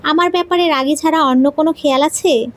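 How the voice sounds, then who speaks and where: A woman voicing a quick-tempered young bride, answering in playful, pouting retorts. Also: high-pitched, lightly acted.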